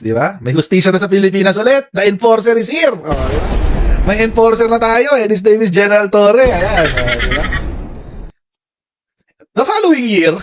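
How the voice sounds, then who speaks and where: A man with a Filipino accent giving casual live commentary to his viewers, talking in an animated way, often laughing and reading out viewer comments. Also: high voice, noisy background. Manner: animated, laughing, addresses viewers as "mga kababayan"; reads viewer comments aloud. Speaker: political commentary vlogger.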